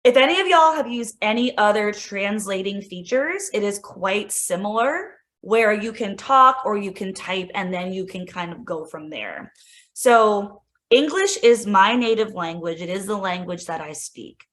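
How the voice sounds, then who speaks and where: Here a female instructional coach presents software to teachers as a relaxed screen-share tutorial. Her mid-range voice is expressive and enthusiastic at a measured pace, and she chats informally, leaning on "like" and "right?" as she clicks.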